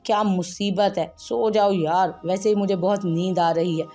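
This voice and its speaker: A woman's voice: mid-range voice, fairly even intonation, normal speed, dark tone, soft background music, lightly acted. A woman doing a sleepy exasperated young father. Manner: weary, exasperated.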